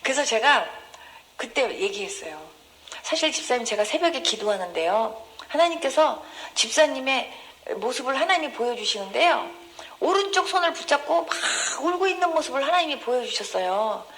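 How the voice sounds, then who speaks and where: A woman pastor preaching a testimony sermon in a church, emotive, breaking into high gasps and cries as she acts out scenes and questions the congregation. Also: lively intonation, a little fast, fairly bright tone. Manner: addresses congregation directly with questions.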